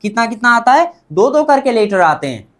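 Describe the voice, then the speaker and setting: A man's voice: very high voice, very animated, normal speed, a bit bright. A man teaching a Korean lesson, drilling words by repetition and asking and answering his own questions. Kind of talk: classroom lesson.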